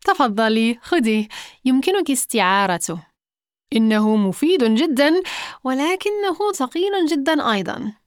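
A woman's voice: sits high, sing-song, normal speed, no room sound, clean studio sound. A woman voicing a cheerful, welcoming grandmother in a children's story.

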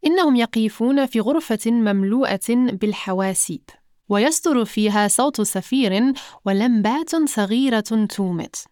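A woman narrating a children's story in a calm, even storytelling manner. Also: on the high side, normal speed, no room sound, clean studio sound.

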